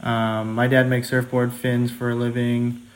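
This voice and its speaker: An easygoing young man from Hawaii in his twenties talks as a podcast guest. His voice sits at a middle pitch with little rise and fall, peppered with "like" and "um". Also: monotone, unhurried. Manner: easygoing, lots of "like" and "um". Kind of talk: casual chat.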